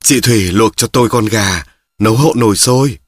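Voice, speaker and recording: A man reading the lines of a blunt, crude old male cart driver, slow and gruff, with a husky voice. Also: fairly low pitch, no room sound, clean studio sound, lightly acted.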